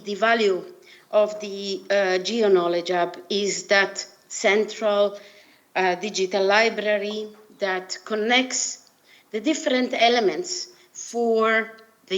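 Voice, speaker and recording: A woman from Italy with an Italian accent gives a formal, haltingly phrased presentation over a video call. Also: mid-range voice, fairly bright tone. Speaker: presenter at an online workshop. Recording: dull, muffled video-call audio.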